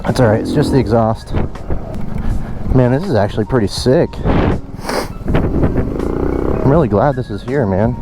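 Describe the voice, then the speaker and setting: Excitable man on a bumpy ride, loud music. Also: mid-range voice, a little slow, vocal fry, long pauses, rough recording. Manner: excitable, exclaiming, slangy bro talk; talking while jostled on a bumpy ride, with effort. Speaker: vlogger riding a dirt bike. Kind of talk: casual off-the-cuff ride commentary. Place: outdoors on a moving motorbike on woodland trails.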